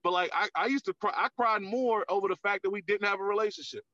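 A man's voice: high-pitched, quick pace, bright, forceful tone, dry recording. A man, a comedian guest on a podcast, talking candidly in casual chat with lots of filler words. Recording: dull, lo-fi, dry sound.

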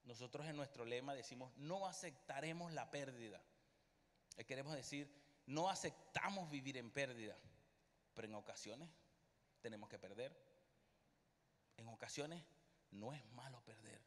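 A man preaching a sermon with passion, bursting into loud outbursts and dropping to quiet asides. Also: mid-range voice, normal speed, long pauses, in a large hall.

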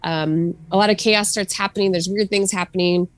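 A woman's voice: medium pitch, steady tone, normal speed, no echo. A woman co-hosting a podcast in casual chat, talking loosely with lots of fillers and frequent laughs. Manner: chatty, laughs often, many fillers. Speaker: podcast co-host.

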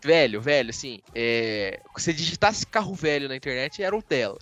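A young man chatting casually, telling slangy, animated stories. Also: medium pitch, a little fast. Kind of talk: casual chat.

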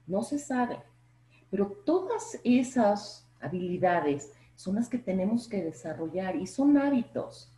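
A Mexican woman professor talks about public speaking at an unhurried pace. Her pitch rises and falls widely as she makes her points and poses rhetorical questions. The recording carries a noticeable room echo. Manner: expressive, plays up intonation, asks rhetorical questions. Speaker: professor, podcast guest. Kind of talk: explanatory talk on public speaking.

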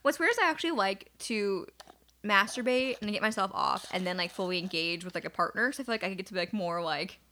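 A woman's voice: mid-range voice, quick pace, bright, forceful tone, a little hiss or hum. A young woman hosting a podcast, chatting casually and candidly while tipsy, with bubbly bursts of laughter. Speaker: podcast host. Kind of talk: casual chat.

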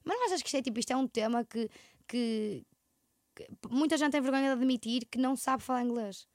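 Young woman, European Portuguese accent, rapid rambling storyteller, higher pitch, dry close mic. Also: a little mellow, dry recording. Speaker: podcast co-host. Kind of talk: casual chat.

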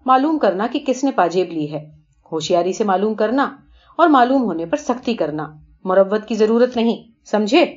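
A woman's voice: medium pitch, animated, darkish tone, natural voice. A woman reading the lines of a stern, irritable father who scolds and gives orders, in a dull lo-fi recording. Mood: stern scolding. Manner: scolding, commanding. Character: stern irritable father, middle-aged man.

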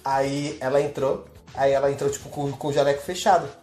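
A man's voice: medium pitch, steady tone, fairly quick, a little mellow, reverberant, soft background music. A young Brazilian man, a podcast host, casually telling a story in slangy talk full of reported dialogue.

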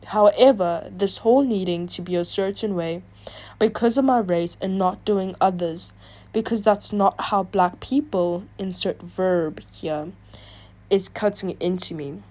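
A woman reads confessions aloud for her video in a mid-range voice. She keeps stopping to react in animated, chatty asides that are full of "like". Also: medium pitch, unhurried. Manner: chatty, filler-heavy talk with frequent "like"; animated, reactive asides between read passages. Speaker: video creator. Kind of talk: reading confessions aloud with casual commentary.

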